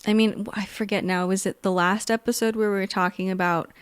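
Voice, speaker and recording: A woman co-hosting a podcast in a relaxed, chatty way. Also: mid-range voice, smooth, no room sound, clean studio sound. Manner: relaxed, chatty, quick to laugh. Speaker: podcast co-host. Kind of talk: casual chat.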